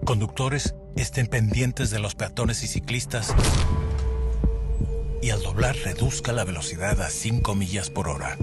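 A man reading a road safety ad voice-over in a serious, measured tone. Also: on the low side, over loud music.

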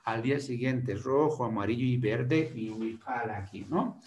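A man's voice: mid-range voice, moderate pace, darkish tone, slight background noise. Man giving a pastoral family talk. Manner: rhetorical questions with tag "¿no?". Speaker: family ministry speaker.

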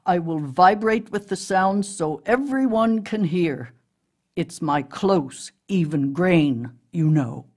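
A woman voicing an old, experienced, talking piece of spruce wood, calm and assured in a storybook tale. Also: lowish voice, takes it slowly, exaggerated voice.

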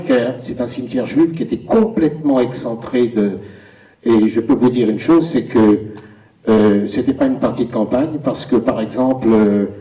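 A man, an actor, telling wry stories about the filming at a premiere Q&A, with pauses as he goes. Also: medium pitch, mellow. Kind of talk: anecdotal talk at a premiere Q&A. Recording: echoey hall, distant dull mic.

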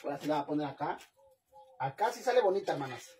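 A man's voice: on the high side, expressive, rapid-fire, a little mellow, a little hiss or hum. A man with a Mexican accent chatting casually while he cooks on camera, playful and campy, and he laughs often. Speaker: vlogger cooking on camera. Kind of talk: casual live cooking chat.

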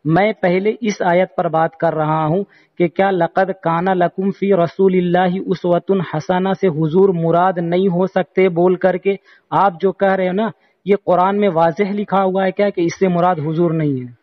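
A man's voice: high voice, fairly even intonation, moderate pace. A man in a heated religious debate on a phone call, pressing the other side with repeated, insistent questions.

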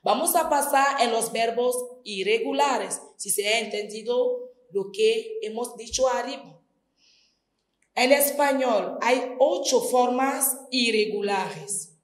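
A woman teaching a distance-learning grammar lesson, slowly and deliberately spelling out each verb form. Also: on the high side. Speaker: Spanish teacher. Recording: echoey room.

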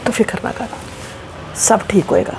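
A woman's voice: mid-range voice, very animated, moderate pace, gravelly, background noise. A woman with a Punjabi accent playing a worried mother who pleads earnestly with her married daughter. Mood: pleading. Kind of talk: family drama acting.

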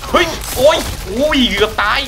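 A man streaming a zombie shooter game, reacting fast and excitedly and repeating his words, with swearing now and then. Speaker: gaming streamer. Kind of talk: excited live commentary while playing. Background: game music and gunfire.

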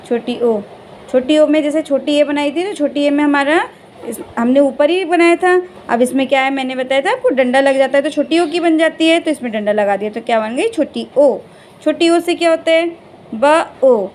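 A woman school teacher giving a Hindi lesson to young children, patiently sounding out letters and syllables slowly. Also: high voice, slight background noise.

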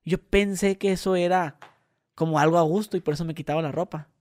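High-pitched mexican guy telling stories, lots of slang, dry close mic. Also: fast, no echo. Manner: animated storyteller, crude slang. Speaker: podcast co-host. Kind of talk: casual chat.

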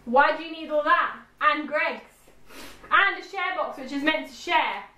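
A woman's voice: high-pitched, measured pace, bright, forceful tone. A chatty, teasing woman, hosting a casual food taste-test vlog. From London, England. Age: 20s. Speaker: vlogger co-host. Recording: echoey room with faint background hiss.

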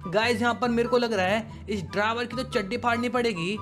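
A man doing excitable, slangy gameplay commentary and keeps calling out to viewers as guys. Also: very high-pitched, a little fast, soft background music. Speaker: gaming YouTuber.

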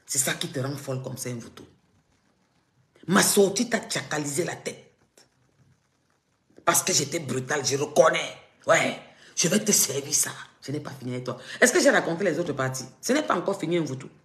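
A woman's voice: deep voice, lively intonation, normal speed, long pauses, reverberant. A woman with a Cameroonian French accent, ranting on a live stream in a taunting, mocking, threatening way. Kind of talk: confrontational live-stream rant.

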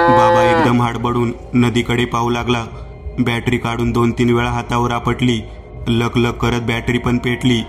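Flat-voiced man narrating horror. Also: mid-range voice. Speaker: storyteller. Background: soft background music.

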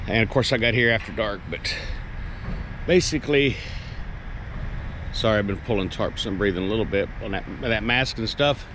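A man's voice: on the low side, normal speed, pauses often. Middle aged trucker guy just talking to the camera in his cab, rambly, lots of ums, faint road hum behind him. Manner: rambling, conversational, many fillers. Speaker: truck driver vlogger. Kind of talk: casual vlog monologue. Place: truck cab at night, earlier outdoors at a loading yard.

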